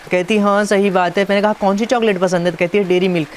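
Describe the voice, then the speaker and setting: A man's voice: high voice, fairly even intonation, quick pace, slight background noise. A man casually reading out a chat and adding teasing, playful comments as a YouTuber. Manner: playful, teasing, reads chat lines aloud.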